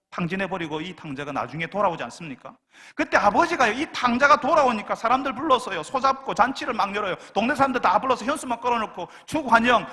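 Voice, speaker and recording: Preacher, male, high and animated, echoing church hall. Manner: rhetorical questions, acts out complaining voices. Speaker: pastor. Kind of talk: sermon.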